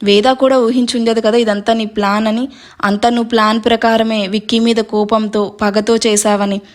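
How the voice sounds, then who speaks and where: A woman's voice: a little high, flat delivery, moderate pace, close to an everyday voice. A woman voicing a chummy young man gloating over the phone about a friend's plan.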